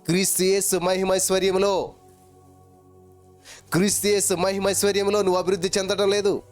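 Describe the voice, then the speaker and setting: A pastor preaching with a Telugu accent, chanting repeated phrases and swinging between loud and low delivery. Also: male voice, level tone, brisk, faint music behind. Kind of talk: sermon.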